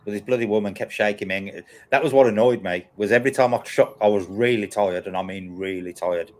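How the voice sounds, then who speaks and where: A man's voice: lowish voice, fast, a little hiss or hum. A man chatting casually as a live host, telling personal stories in a blunt, repetitive way. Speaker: host of a paranormal live chat.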